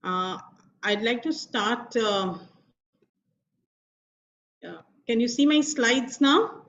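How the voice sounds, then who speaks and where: A middle-aged woman with an Indian accent giving a formal, measured medical lecture as a professor. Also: a little high, expressive, fairly bright tone, a little hiss or hum. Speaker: professor of radiation oncology, guest speaker. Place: online video call. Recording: dull lo-fi video call audio.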